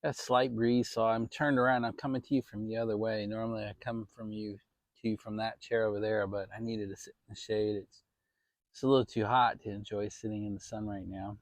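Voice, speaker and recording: A man's voice: on the low side, little pitch movement, fairly quick. Casual American male vlogger, easygoing and rambling, salty now and then, talking from the backyard with a dry, echo-free sound. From Maryland, United States. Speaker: vlog host. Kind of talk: casual outdoor backyard chat to viewers. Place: outdoors in a shaded backyard.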